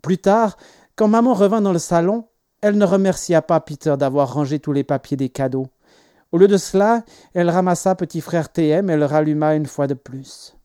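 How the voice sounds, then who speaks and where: A man narrates an audiobook in a measured, expressive reading, his voice sitting a little high for a man. The sound is close and dry, with no room echo. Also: clear, resonant tone. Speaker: audiobook reader. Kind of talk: scripted narration.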